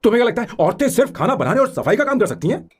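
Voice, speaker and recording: A man's voice: very high voice, sing-song, very fast, slightly rough, heavily acted. An actor dubbing a lovesick young man who is a devoted brother, speaking emotional, pleading film dialogue. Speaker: film hero, Hindi dub.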